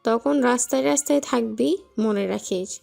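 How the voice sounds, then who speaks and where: Gravelly scolding household aunt, acted by a woman. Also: a little high, moderate pace, darkish tone, faint music behind. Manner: scolding, contemptuous. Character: harsh domineering aunt of the household.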